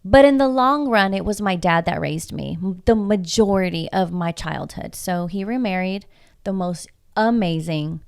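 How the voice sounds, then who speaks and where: This podcast guest, a Houston, Texas woman whose first language is Spanish, talks at normal speed in a medium-pitched voice that is gravelly yet smooth. The conversation is casual, and she is emphatic and reflective, often asking rhetorical questions.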